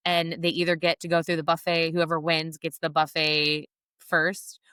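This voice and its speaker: Low-voiced upbeat woman giving advice. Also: monotone, moderate pace, a bit bright, clean tone, dry recording, studio quality. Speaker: podcast co-host, wedding planner. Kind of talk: casual chat.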